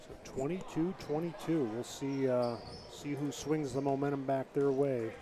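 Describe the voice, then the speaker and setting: A man offers easygoing color commentary beside the play-by-play caller, speaking at an ordinary mid pitch. The steady noise of a school gym, with balls bouncing, runs beneath his voice. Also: normal speed. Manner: relaxed, conversational analysis. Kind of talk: live sports commentary.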